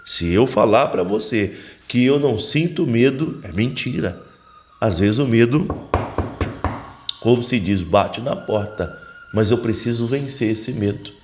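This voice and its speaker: A man's voice: medium pitch, expressive, measured pace, slight background noise. A man preaching a sermon as pastor, exhorting his listeners, repeating phrases and reading scripture aloud.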